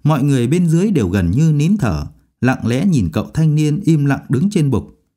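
A man narrating a novel as an audiobook in an expressive storytelling manner. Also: fairly high pitch, moderate pace.

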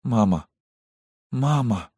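A man's voice: lowish voice, expressive, moderate pace, no echo, studio quality, voice pushed up. A man voicing a tearful young girl who pleads dramatically with her mother, in an audiobook. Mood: crushed.

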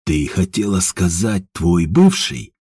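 A man's voice: deep voice, big pitch swings, slow, creaky, darkish tone, breathy edge, no echo, studio quality, exaggerated voice. A man voicing a stern businessman who gives short, clipped commands. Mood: curt. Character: stern, curt businessman, a tough boss.

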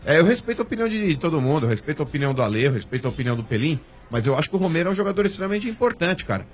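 A man's voice: fairly high pitch, big pitch swings, rapid-fire. A man with a Brazilian Portuguese accent arguing insistently in a football debate on a radio show, often cutting in to repeat his point. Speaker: sports show panelist. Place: radio studio.

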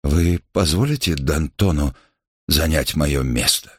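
A man's voice: very deep voice, measured pace, breathy edge, dry recording, studio quality, exaggerated voice. A man reading the lines of a weak, bedridden male revolutionary leader in an audiobook, with a faint, strained and pleading delivery.

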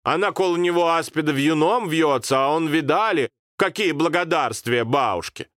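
A man voicing a fussy, scolding old village grandmother in a storybook reading, with drawn-out country speech. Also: fairly high pitch, a bit bright, no room sound, studio quality, pitched above the performer's own voice, close to an everyday voice.

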